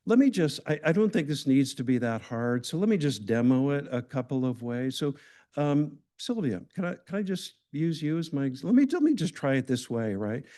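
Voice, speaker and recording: A man's voice: a little high, big pitch swings, moderate pace, warm tone. A man giving a conversational, engaging lecture to a hospital audience, often asking the room questions. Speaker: grand rounds speaker.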